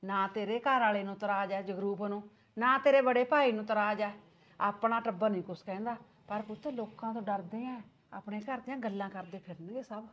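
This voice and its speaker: ਇੱਕ ਔਰਤ ਪੰਜਾਬੀ ਲਘੂ ਫ਼ਿਲਮ ਵਿੱਚ ਪਿੰਡ ਦੀ ਸਬਰ ਵਾਲੀ, ਫ਼ਿਕਰਮੰਦ ਸੱਸ ਬਣੀ ਹੈ, ਜੋ ਨੂੰਹ ਨੂੰ ਪਿਆਰ ਨਾਲ ਮਨਾਉਂਦੀ ਹੈ।. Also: female voice, mid-range voice, fairly quick, lo-fi sound, close to an everyday voice. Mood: coaxing. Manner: soothing, pleading, worried. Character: village mother-in-law, patient and worried. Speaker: mother-in-law. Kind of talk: Punjabi short film acting.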